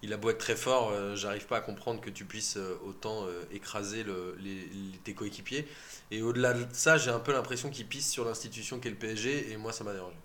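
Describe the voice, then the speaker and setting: A man's voice: on the low side, a little fast, fairly bright tone, slight background noise. A man on a casual football panel, giving blunt, plain-spoken opinions.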